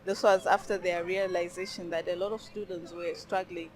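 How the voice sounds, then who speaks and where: A woman's voice: lowish voice, level tone, moderate pace, poor audio. A woman from Zimbabwe speaking for a charity at an outdoor event, thoughtful and hesitant, with many fillers. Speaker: charity representative.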